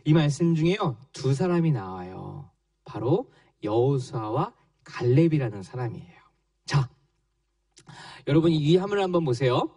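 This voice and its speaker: A man, a children's pastor, telling a Bible story in a slow, animated way to young children. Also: on the high side, dry recording, studio quality, far from the mic. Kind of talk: children's sermon.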